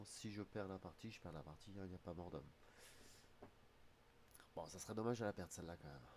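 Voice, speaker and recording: Over a streaming desk mic, a chess streamer with a slight head cold mutters his online calculations in fragments. His voice sits low, gravelly and darkish, with slight background noise.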